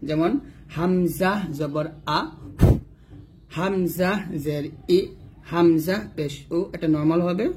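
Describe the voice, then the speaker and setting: A man teaching Quran letter pronunciation, slowly drilling syllables and patiently repeating each point. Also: a little high, a little mellow, slight background noise. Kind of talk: slow instructional explanation with drilled letter sounds.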